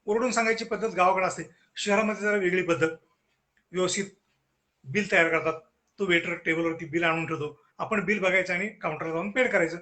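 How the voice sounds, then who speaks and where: A man giving a humorous storytelling lecture at a lecture series, animated and acting out the dialogue. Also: high-pitched, a little fast. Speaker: guest speaker at a lecture series.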